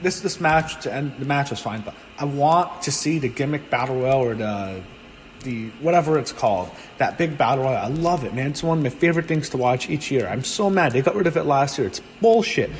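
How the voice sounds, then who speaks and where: A man giving a casual solo review of a wrestling show, rambling and excitable, swearing when annoyed. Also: medium pitch, fairly quick. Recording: long room reverb with faint background noise.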